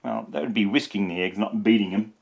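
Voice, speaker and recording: Here the storybook reader's voice is on the low side and creaky, running a little fast. He keeps the read-aloud playful and animated, breaking off for chatty asides.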